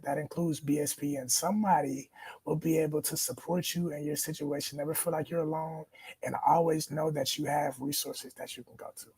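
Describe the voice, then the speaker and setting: A man's voice: on the high side, darkish tone, husky, dry recording. A man, a graduate student leader, giving firm, encouraging advice on a video call panel. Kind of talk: panel discussion.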